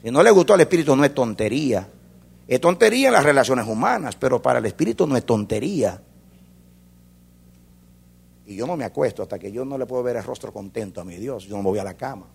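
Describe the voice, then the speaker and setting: A man preaching a sermon as a pastor, swinging between loud fervor and hushed intensity. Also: mid-range voice, animated, quick pace, creaky, husky.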